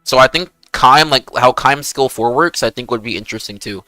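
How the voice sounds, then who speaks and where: A man's voice: medium pitch, brisk, bright, forceful tone, no room sound, soft background music. A young man chatting casually on a game livestream in hyped gamer-bro slang, swearing freely. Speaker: game streamer. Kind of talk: casual livestream chat and gaming commentary.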